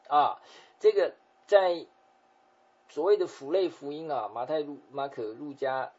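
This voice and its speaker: A man preaching a sermon as a pastor, explaining scripture patiently and softening his points with frequent tag particles. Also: on the high side, a little slow. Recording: dull lo-fi recording.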